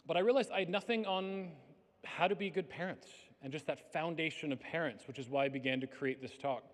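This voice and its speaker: Man speaking in a reverberant hall. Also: on the high side. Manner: conversational, earnest, numbered points. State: tired, slightly worn voice. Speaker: conference speaker. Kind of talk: faith-based talk to educators.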